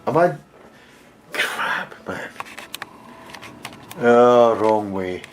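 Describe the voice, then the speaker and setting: Slow, low-voiced Scottish luthier. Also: male voice, darkish tone, slight background noise. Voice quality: wry, muttering, swears casually, jokes to himself. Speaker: bass luthier. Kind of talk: casual workshop tutorial. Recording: echoey room.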